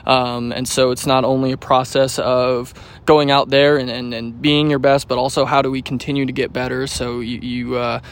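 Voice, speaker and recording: At a normal speed, a pitcher in his twenties from the United States loosely rambles through pregame questions, restarting sentences and leaning on fillers. A faint hiss or hum sits under the audio.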